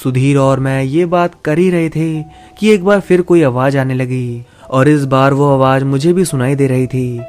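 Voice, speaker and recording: A man narrating a first-person horror story in a steady, dramatic storytelling manner. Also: medium pitch, measured pace, hardly any pauses, smooth, faint music behind.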